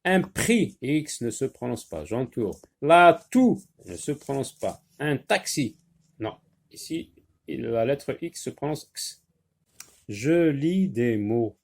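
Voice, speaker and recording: Very slow-paced male reading teacher. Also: medium pitch, sing-song, vocal fry, darkish tone. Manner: slow, deliberate, repeats and stresses each sound. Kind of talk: French phonics lesson.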